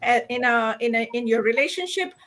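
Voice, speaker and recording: A middle-aged woman from India hosts a livestream talk. Her voice sits high and sounds bright and sharp. She explains her topic earnestly, pausing often with fillers and restarting her sentences. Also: expressive. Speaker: host.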